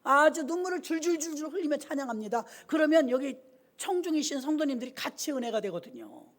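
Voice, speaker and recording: A woman's voice: high voice, big pitch swings, fast talker. A woman pastor preaching a sermon in church, telling stories and acting out the dialogue, exhorting the congregation emphatically. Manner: storytelling, acting out quoted dialogue.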